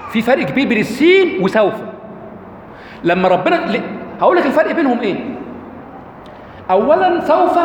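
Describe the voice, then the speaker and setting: An Egyptian man lectures with a high voice that swings widely up and down. He keeps throwing questions to his audience as he explains. The sound is roomy, with a long hall reverb and a faint hum behind him. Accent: Egyptian Arabic. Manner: lively, rhetorical questions to the audience. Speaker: lecturer on Quranic rhetoric. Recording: echoey hall, faint background noise.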